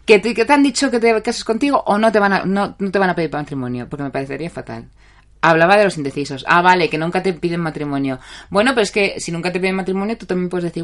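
A middle-aged woman with a Spain Spanish accent, speaking in a slightly low voice. She is a therapist on a casual live stream, answering viewers' comments by name with blunt, chatty advice. Her talk is frank and often breaks into laughter.

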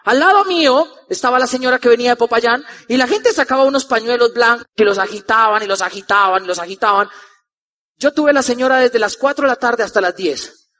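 A young Colombian man in his twenties telling a lively personal story to a live audience as a motivational speaker, acting out the people in it. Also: extremely high pitch, fairly quick. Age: 20s. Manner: animated, acts out the voices of the people in his story.

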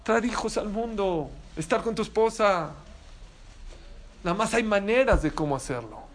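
Rabbi preaching, high voice for a man, lively, keeps quizzing the room. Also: normal speed. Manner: animated, emphatic, asks the audience questions. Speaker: rabbi teaching a Torah class. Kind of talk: sermon.

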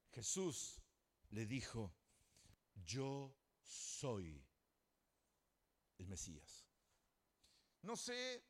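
A man with a Rioplatense accent preaching a sermon to his congregation, emphatic, with sudden rises and soft drops. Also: high-pitched. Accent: Rioplatense Spanish. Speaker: pastor. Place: church before a congregation.

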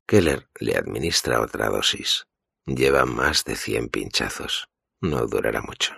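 A man narrates a thriller audiobook in a steady, grave voice. His tone is extremely deep, heavily gravelly and husky, with a bright, sharp edge. The studio sound is dry and close. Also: measured pace, dry recording.

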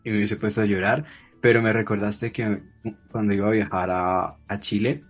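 A man's voice: fairly low pitch, level tone, normal speed, dull audio, faint music behind. A man chatting casually, telling a story in a self-deprecating way. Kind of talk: casual chat.

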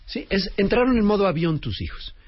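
Male expert, lively pitch, dry lo-fi studio audio. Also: a little fast, husky, dry recording. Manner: firm, directive advice. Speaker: parenting expert co-host. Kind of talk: advice chat. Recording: dry, dull lo-fi broadcast sound.

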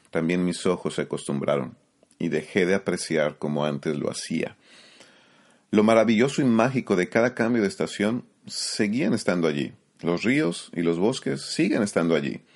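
A man's voice: low voice, darkish tone. A middle-aged man giving a devotional sermon, earnest and inviting, asking the listener questions. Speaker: devotional speaker. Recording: faint music behind.

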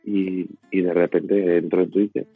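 Man, husky low voice, teasing casual co-host chat, dry narrow phone-like audio. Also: little pitch movement, unhurried, dry recording. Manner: joking, teasing. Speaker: podcast co-host. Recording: dry phone-like line, music behind.

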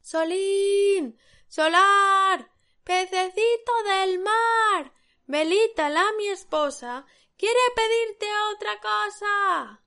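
A woman's voice: high-pitched, expressive, moderate pace, no echo, studio quality. A woman voicing a timid fisherman who begs his wife and calls to a magic fish. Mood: calling out. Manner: begging, fearful. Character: timid, pleading old fisherman.

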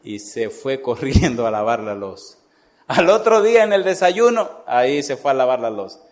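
Animated Spanish-speaking preacher telling a story. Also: male voice, mid-range voice, normal speed. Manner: animated, repeatedly asks the congregation "sí o no". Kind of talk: sermon storytelling.

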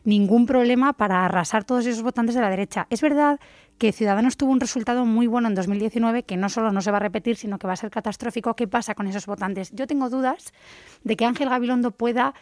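A woman's voice: fairly high pitch, fast talker, a little mellow, no room sound, studio quality. A woman giving assertive, opinionated commentary on a talk show. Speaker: political commentator.

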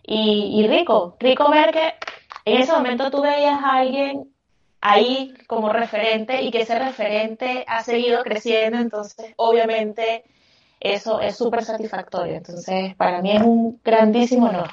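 A Venezuelan woman who runs a craft business answers a podcast interview conversationally, effusive and emphatic in her Venezuelan Spanish accent. Her fairly high voice stays fairly even in intonation at a slightly slow pace, and the echoey, distant, muffled mic adds a little hiss or hum.

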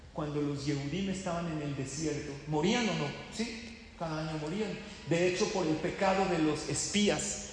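High-voiced man preaching in an echoey hall. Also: slight background noise. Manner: storytelling, asks the audience questions. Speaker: rabbi. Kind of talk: sermon. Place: hall with a live audience. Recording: echoey hall with faint ambience.

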